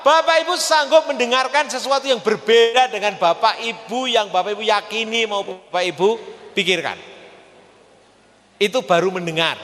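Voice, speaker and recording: Bright-voiced man lecturing in an echoing hall. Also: very high-pitched. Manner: animated, asks the audience questions. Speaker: speaker at a religious training. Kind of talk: lively religious lecture. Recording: long hall reverb.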